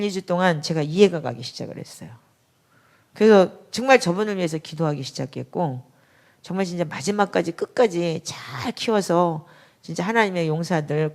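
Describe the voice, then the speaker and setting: A middle-aged woman pastor giving a sermon in a conversational, emphatic way, with sudden loud outbursts. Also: on the low side.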